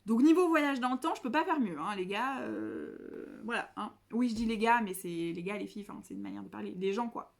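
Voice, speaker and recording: A woman's voice: medium pitch, lively intonation, brisk, gravelly, few pauses. A young woman chatting casually as a book vlogger, self-mocking and rambling, with many fillers and restarts. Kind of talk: casual chat.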